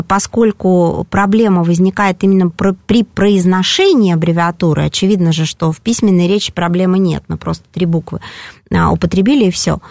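Female language expert, low and gravelly, dry close mic, measured and hesitant. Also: darkish tone, dry recording. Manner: measured, explanatory, with frequent hesitations. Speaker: language expert answering callers. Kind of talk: radio call-in answers.

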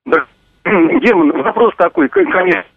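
A male caller speaking haltingly while his phone line breaks up and cuts out. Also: high-pitched, big pitch swings, vocal fry, husky, no room sound. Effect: phone line breaking up and cutting out.

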